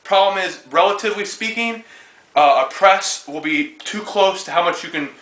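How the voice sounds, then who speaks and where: A man's voice: sits high, moderate pace, fairly bright tone. A twenty-year-old man, a strongman athlete and coach, giving a casual spoken lifting demonstration in a gym, talking between lifts with frequent fillers. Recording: echoey room, voice far from mic.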